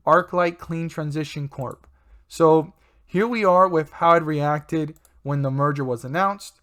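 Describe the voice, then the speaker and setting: A man hosting a stock chart video, explaining price levels to investors in a steady, direct way. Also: on the high side. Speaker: stock market video host. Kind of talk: scripted stock chart commentary.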